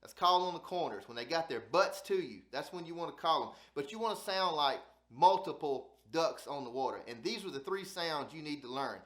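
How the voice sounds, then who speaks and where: A man with a Southern accent from Alabama talks in a slightly high-pitched voice. He teaches like a down-home channel host, casual and folksy, often doubling words for emphasis. The recording is noticeably echoey. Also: expressive, brisk, hardly any pauses, a bit bright. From South Alabama, United States. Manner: folksy, repeats phrases for emphasis. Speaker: host of a duck hunting channel. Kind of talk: casual instructional talk.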